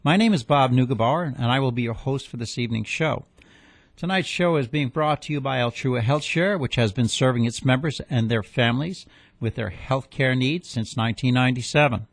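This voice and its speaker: A man's voice: mid-range voice, fairly quick, no room sound. A man hosting a radio health talk show, reading the intro and sponsor spots, then asking his guest questions with some hesitant fillers.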